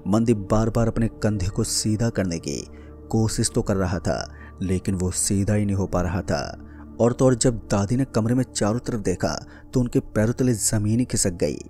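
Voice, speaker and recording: Mellow low-voiced male horror narrator. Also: faint music behind. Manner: steady, measured storytelling. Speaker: storyteller. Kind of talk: scripted horror story narration.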